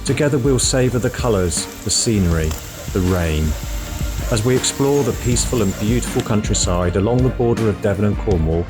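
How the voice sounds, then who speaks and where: Low-voiced man, calm reflective walking-vlog narrator, relaxed and unhurried, faint music underneath. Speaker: walking vlogger. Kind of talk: calm documentary narration and on-the-trail vlogging. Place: outdoors on a countryside walk, partly voice-over.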